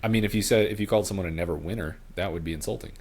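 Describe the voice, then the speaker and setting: Deep-voiced jokey male podcast host. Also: rapid-fire, darkish tone. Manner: jokey, laughs often, leads the talk. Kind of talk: casual chat.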